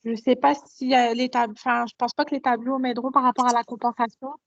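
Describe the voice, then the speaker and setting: A woman's voice: fairly high pitch, level tone, brisk, no room sound. A young woman, a nursing student, talking hesitantly with many fillers over a video call, her phone set on speaker and held away. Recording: dull lo-fi call audio.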